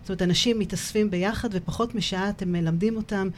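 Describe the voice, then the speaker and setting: A woman's voice: medium pitch, fairly even intonation, a little hiss or hum. Israeli woman interviewer. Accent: Israeli Hebrew. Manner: searching, many fillers while shaping questions.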